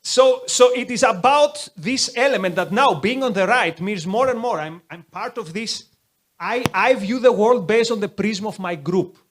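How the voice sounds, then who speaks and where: In a museum hall, a man with a high voice leads a conversational lecture and takes questions from the audience. He speaks at a moderate pace and fills his talk with lots of "like" asides.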